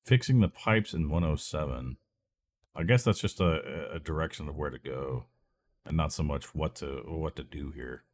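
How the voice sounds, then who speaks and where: A man with a very deep, darkish voice thinks aloud at a moderate pace while playing a video game. He's a let's play gamer with a cold, his congestion making him sound stuffy and nasal in this rambling, casual gameplay commentary.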